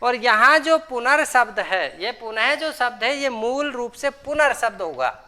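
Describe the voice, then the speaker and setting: In an unhurried classroom lecture, a woman teaches grammar step by step in a bright, smooth, clear, slightly high voice with a sing-song quality. She pauses now and then to ask the class whether it has followed.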